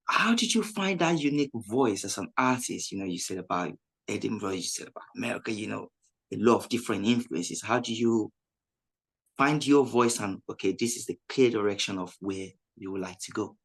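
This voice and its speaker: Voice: medium pitch, lively intonation, a little fast, husky. A radio interviewer asking questions in an encouraging way, with many "you know" fillers.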